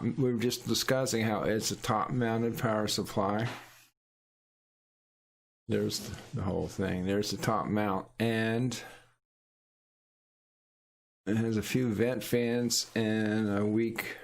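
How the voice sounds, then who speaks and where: A man with a lowish, gravelly voice hosts a casual livestream chat. He rambles as he goes, breaking off and restarting his sentences. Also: steady tone. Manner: rambling, halting, with frequent restarts. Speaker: Twitch streamer hosting a livestream.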